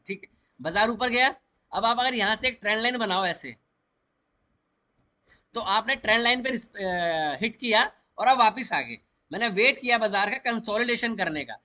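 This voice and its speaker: Bright-voiced man teaching chart trading. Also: high-pitched. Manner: explains step by step, mixing English trading terms into Hindi. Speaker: stock market trading educator. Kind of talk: chart walkthrough lesson.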